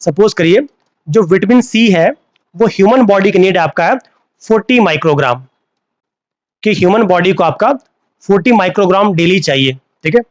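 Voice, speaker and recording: Male teacher, live class on a phone, a bit high-pitched, dry close sound, repeats terms as questions. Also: moderate pace, pauses often, no echo. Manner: repeats key terms as questions to students, mixes Hindi and English.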